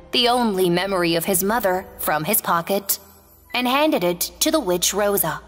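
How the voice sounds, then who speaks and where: A woman narrating a children's fairy tale in a gentle, expressive read-aloud manner. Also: mid-range voice, big-room sound. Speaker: storyteller.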